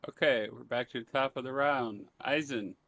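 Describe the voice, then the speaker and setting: A man running a tabletop game as game master, calling turns in an easygoing, brisk way. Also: mid-range voice, a bit bright.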